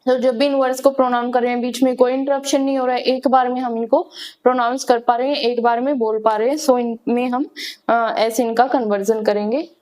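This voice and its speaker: Woman teaching, fairly high voice. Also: darkish tone. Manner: explains step by step, asks questions and answers them herself, slow spelled-out examples. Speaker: English grammar teacher. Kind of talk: classroom grammar lesson.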